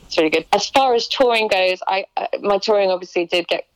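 A woman's voice: mid-range voice, quick pace, smooth, no room sound, low-quality recording. A young woman musician chatting in an interview, hesitant, with many restarts and ums. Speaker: musician guest. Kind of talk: casual interview chat.

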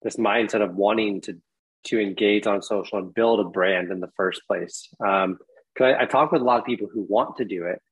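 Guy hosting a podcast, low-ish husky voice, casual rambly questions. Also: a little fast, poor audio. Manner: casual, hedging questions with "kind of" and "um". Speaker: podcast host. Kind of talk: interviewing a guest.

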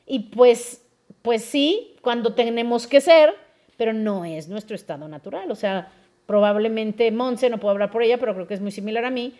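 Lively Mexican woman with a high voice. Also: moderate pace. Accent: Mexican Spanish. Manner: lively, asks listeners questions often. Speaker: podcast host. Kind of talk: casual explanatory podcast talk.

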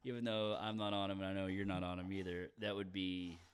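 A man's voice: low voice, level tone, quick pace, smooth. A man co-hosting a podcast, joking crudely about golfers and laughing a lot. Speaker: podcast co-host. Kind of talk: casual golf chat.

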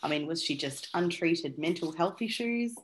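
Aussie woman being interviewed, deep-ish voice, lots of ums and uhs. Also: lively intonation, moderate pace, a little hiss or hum. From Australia. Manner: hesitant, many fillers and restarts. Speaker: interview guest. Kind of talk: conversational interview.

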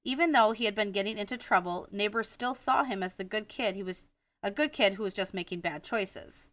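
A woman's voice: mid-range voice, brisk, fairly bright tone, no room sound, distant mic. A woman with a Wisconsin accent co-hosting a casual true-crime podcast, reading the case from her notes and stumbling over names now and then. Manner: reads from notes, stumbles on names, laughs at herself. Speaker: podcast co-host.

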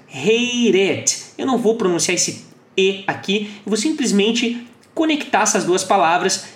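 A woman teaching English to Portuguese speakers, slowing down her model phrases for the listener to repeat. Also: lowish voice. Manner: slow, drawn-out model phrases for repetition. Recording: echoey room with faint music.

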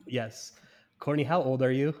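A man's voice: mid-range voice, steady tone, normal speed, darkish tone. A man moderating a casual podcast chat, easygoing and joking as he asks friends questions.

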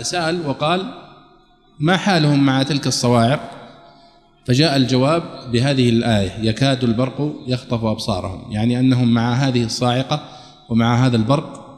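A man teaching a religious text class, explaining each point in a measured, step-by-step way. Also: medium pitch. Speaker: sheikh teaching a tafsir class. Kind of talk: classroom commentary lecture. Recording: echoey hall reverb.

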